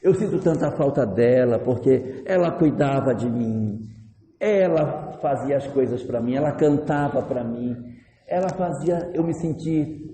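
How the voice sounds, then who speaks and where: Man doing a complaining first man; dark, mellow voice, echoey hall. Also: mid-range voice, close to an everyday voice. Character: lonely, fickle first man of a legend. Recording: echoey hall with faint noise.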